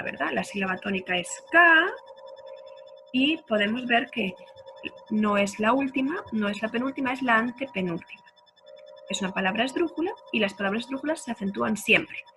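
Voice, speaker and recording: A woman teaching a primary school spelling lesson, drawing out the example words slowly and often asking the listener if they follow. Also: a little high, pushed and bright, poor audio. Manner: slow, drawn-out example words for children. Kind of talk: recorded grammar lesson.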